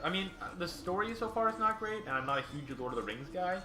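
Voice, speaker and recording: A young man chatting casually about games and shows beside a player, rambling and animated. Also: high-pitched, fast. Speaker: co-commentator. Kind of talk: casual gaming chat. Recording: echoey room with music.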